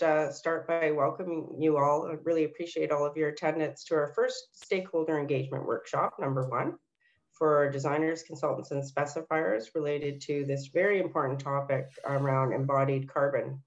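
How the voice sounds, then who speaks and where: A senior city policy planner presents a workshop on a webinar video call, speaking in a low, nasal, fairly even voice at normal speed as she recovers from illness. She says um and uh often while asking for the next slides, and the sound is lo-fi.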